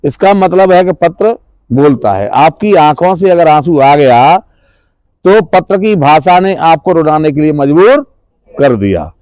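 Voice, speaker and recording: Male trainer lecturing a class; raised, dark-toned voice, quizzes listeners and repeats key terms. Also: fairly high pitch, lively intonation, measured pace, no room sound. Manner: questions the class, then answers, repeats key words. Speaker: trainer at a rural self-employment institute.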